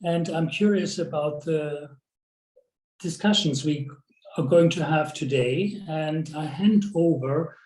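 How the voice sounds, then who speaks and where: A man's voice: on the high side, slow pace, a little mellow, echoey room, low-quality recording. A man from Germany, an association president-elect, introducing himself matter-of-factly on a webinar video call.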